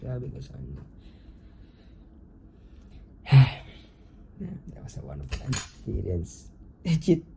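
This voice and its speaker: A man's voice: medium pitch, slow pace, vocal fry, a little hiss or hum, rough recording. A young Filipino man hosting a podcast, telling a story casually in mixed Tagalog and English with lots of fillers. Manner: animated, Taglish chatter with many fillers. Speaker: podcast host.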